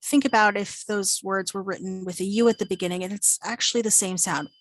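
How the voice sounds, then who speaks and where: A woman gives an online class, explaining step by step in an unscripted way, often pausing with ums and restarting her phrases. Her voice sits in a middle pitch. The recording is dry and close, with no room echo. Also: fairly even intonation. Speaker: Latin teacher. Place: home, virtual presentation.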